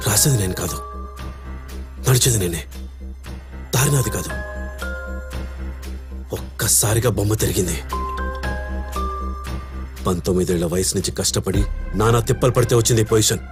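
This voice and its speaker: An actor with a Telugu accent playing an arrogant, hot-tempered rich husband who shouts at his wife and narrates bitterly in a film drama. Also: on the low side, normal speed, long pauses, over music, natural voice. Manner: shouting angrily, then bitter voice-over narration.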